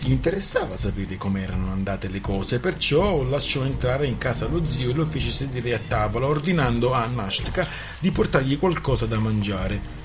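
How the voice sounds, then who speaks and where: Calm male story narrator. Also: mid-range voice, normal speed, music in the background. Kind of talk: story reading on radio.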